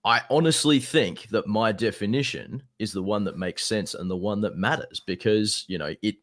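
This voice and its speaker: A man's voice: on the low side, normal speed, fairly bright tone. A young man arguing casually in an online debate, informal and sweary, with a dismissive, exasperated way of talking. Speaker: debate participant. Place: online voice call.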